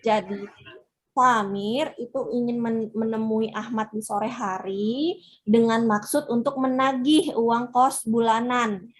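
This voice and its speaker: A woman teaching an online Arabic class, explaining each phrase step by step with many fillers. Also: slow pace. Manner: acts out dialogue lines with lively raised pitch.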